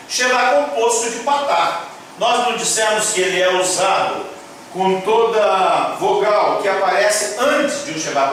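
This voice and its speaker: A man teaching a lesson at a board, repeating key words slowly and checking in with his viewers, encouraging them as he goes. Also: high-pitched, a bit bright. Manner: encouraging, addresses viewers as "minha gente". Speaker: Hebrew teacher. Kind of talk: classroom-style lecture at a board. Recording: echoey room, voice from a distance, faint background noise.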